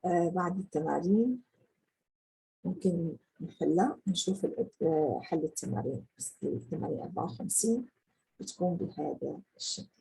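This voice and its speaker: A woman teaching a French grammar lesson. She explains in casual dialect, with hesitations, and reads the French examples slowly and carefully. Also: on the low side, animated, gravelly, dark tone, husky, poor audio. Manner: frequent hesitations and restarts.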